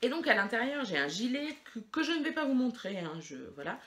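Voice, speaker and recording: A woman's voice: fairly high pitch, big pitch swings, fairly quick, slight background noise. A woman hosting a knitting podcast, chatting casually and rambling with many fillers and restarts. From France. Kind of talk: casual chat to camera.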